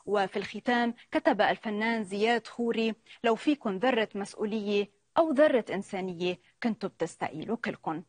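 A woman news reporter narrating a segment in a formal, measured reading tone. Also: medium pitch, no echo.

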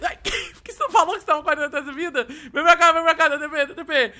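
A man, an excitable gaming YouTuber who yelps and laughs through Minecraft role-play gameplay. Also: very high-pitched, fast talker, a little hiss or hum. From Brazil.

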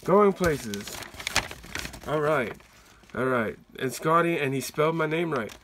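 A man hosting a casual card-collecting vlog at home, excitable and talkative, laughing often and filling his speech with ums and you-knows. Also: on the high side, normal speed, noisy background. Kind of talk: casual mail-day vlog.

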